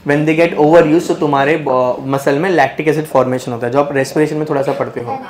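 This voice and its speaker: A man's voice: fairly high pitch, fairly even intonation, brisk. A young man teaching biology to a class, teasing his students and mixing English terms into his Hindi. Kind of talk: joking classroom lecture. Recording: noisy classroom crowd.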